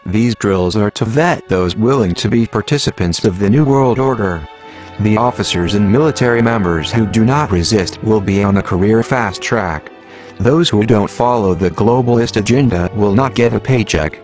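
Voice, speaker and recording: Disguised low computer-generated male voice. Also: moderate pace, darkish tone, soft background music. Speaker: anonymous announcer. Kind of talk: scripted manifesto reading.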